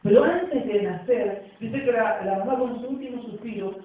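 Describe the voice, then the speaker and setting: A pastor with an Argentine Spanish accent preaches a sermon in a high voice at a moderate pace. His style is conversational, with frequent tag questions to check in with listeners. He sounds distant in a very echoey church, and the audio is thin and phone-like.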